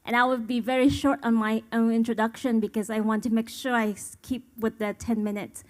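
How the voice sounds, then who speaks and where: A woman's voice: on the high side, little pitch movement, a little fast, darkish tone. Woman from Vietnam giving a conference talk. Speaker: panel speaker, human rights advocate. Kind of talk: conference presentation.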